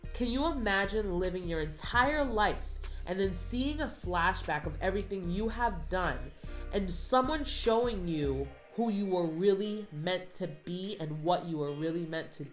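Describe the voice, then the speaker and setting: A woman with a slightly stuffy voice hosts her own motivational podcast, pitched on the low side. She talks casually to listeners and slows down to read affirmations with earnest care. Faint music plays softly behind her. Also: animated, reverberant. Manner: reads affirmations slowly and earnestly. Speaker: podcast host.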